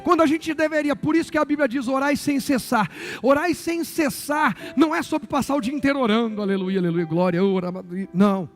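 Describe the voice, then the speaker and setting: High-voiced Brazilian pastor preaching. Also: male voice, a little fast, faint music behind. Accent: Brazilian Portuguese. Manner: asks the congregation questions and repeats answers, joking asides. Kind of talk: sermon. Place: church with a congregation.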